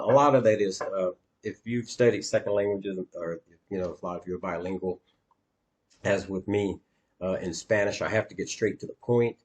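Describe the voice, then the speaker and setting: A man with a very deep, low voice talks viewers through a screen share as a dating coach. His delivery is halting and plain, full of pauses and fillers. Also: darkish tone. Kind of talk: screen-share walkthrough with commentary.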